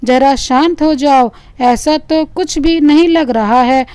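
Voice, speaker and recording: A woman doing a calm reassuring husband. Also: sits high, takes it slowly, no echo. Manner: soothing, reassuring.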